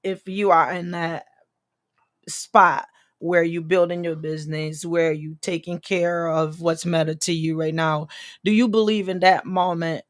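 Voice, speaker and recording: Brazilian-accented woman, earnest talk. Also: fairly low pitch. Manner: earnest, repeats and restarts words. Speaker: guest. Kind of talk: casual podcast chat.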